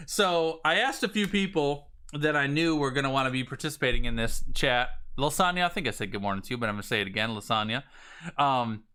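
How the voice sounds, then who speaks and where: A business coach with a mid-range voice talks fast and energetically to viewers on a live stream. He sounds slightly raspy today and often restarts his phrases.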